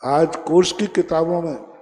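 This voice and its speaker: Slow, emphatic male preacher with reverb. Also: on the high side, a little mellow. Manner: slow, emphatic preaching with playful teasing of the audience. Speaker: Jain monk preacher. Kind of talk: sermon.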